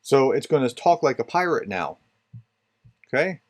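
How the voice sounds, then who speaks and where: A man's voice: mid-range voice, very animated, fairly quick. Man, tutorial host, casual, chatty, clicks along as he explains, mid-range voice. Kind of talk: casual screen-share tutorial.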